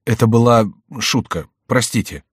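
A man's voice: mid-range voice, normal speed, slightly rough, no echo, clean studio sound, close to an everyday voice. A man voicing an apologetic young courtier addressing a duke.

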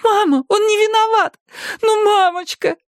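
A woman voicing a tearful, pleading little girl in an audiobook, with a high, childlike voice. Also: moderate pace, no room sound, studio quality. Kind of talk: audiobook character voice.

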